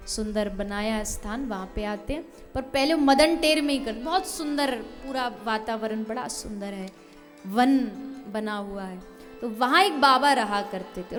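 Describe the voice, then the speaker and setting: Brief: woman preacher, higher voice, vivid sermon storytelling, faint music behind. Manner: emphatic, expressive storytelling. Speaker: devotional preacher.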